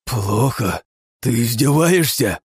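A man's voice: lowish voice, normal speed, no room sound, studio quality, pitched above the performer's own voice, lightly acted. Man voicing a screaming enraged aristocrat. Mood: furious. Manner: shouting, snarling, rude. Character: furious greedy middle-aged male aristocrat.

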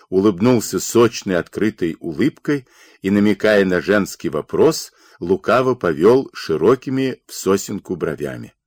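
Male audiobook reader, low voice, animated intonation, dry close studio sound. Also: no room sound. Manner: expressive storytelling reading. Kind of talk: scripted audiobook narration.

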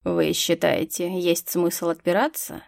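A woman voicing a sullen, mocking young male werewolf thief in a low, gruff put-on voice for an audiobook. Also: level tone, a little slow, dry recording, studio quality. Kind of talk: audiobook character voice.

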